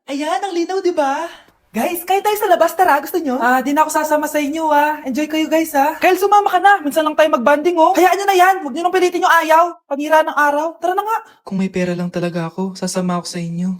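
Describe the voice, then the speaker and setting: A woman performs short comedy skits, trading one character for another. Her voice sits very high, and she plays every scene loud and dramatic, full of bickering. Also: quick pace. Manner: switches between many characters. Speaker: comedy skit creator. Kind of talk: comedic skit acting.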